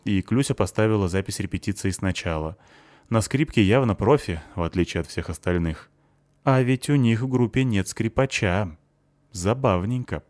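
Deep-voiced man reading an audiobook dryly. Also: dry recording. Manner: dry, ironic first-person telling. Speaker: narrator.

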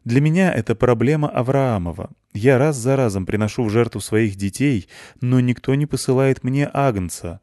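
A man narrating an audiobook voices a patient, formal school director who speaks in measured tones. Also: medium pitch, darkish tone, no echo, studio quality, pitched above the performer's own voice, close to an everyday voice. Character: calm, polite, morally compromised school director.

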